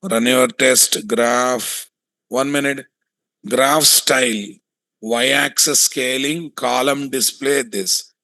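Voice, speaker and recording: A man with a Telugu Indian accent giving a hands-on software tutorial, thinking aloud, repeating himself and often putting questions to his students. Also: medium pitch, steady tone, takes it slowly, dry recording. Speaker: software testing instructor.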